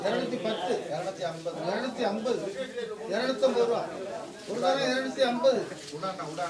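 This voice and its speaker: A man working as a fish auctioneer, rattling off rising bids in a fast sing-song chant at an outdoor village market. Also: very high voice, animated. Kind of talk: rapid auction calling. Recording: echoey, loud crowd around.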